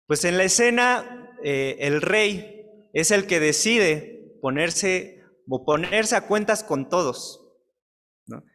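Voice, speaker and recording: A man's voice: high voice, animated, slow pace, a bit bright. Mexican man preaching in an echoey hall. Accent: Mexican Spanish. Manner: reads scripture then explains it plainly, with many fillers. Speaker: pastor. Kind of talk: sermon. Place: church.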